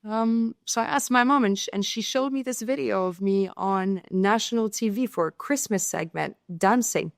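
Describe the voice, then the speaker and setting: A woman's voice: medium pitch, normal speed, vocal fry, few pauses, no room sound, clean studio sound. A young woman from Syria, a podcast guest telling her story in an earnest way, often restarting and repeating words. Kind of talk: conversational interview storytelling.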